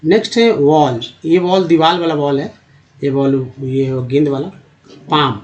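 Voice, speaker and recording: A man teaching English pronunciation to Hindi speakers, spelling out words and repeating each one slowly while quizzing the viewer. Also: a little high. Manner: repeats each word slowly, drilling vowel sounds; addresses viewers as friends, asks rhetorical questions. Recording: dull lo-fi recording.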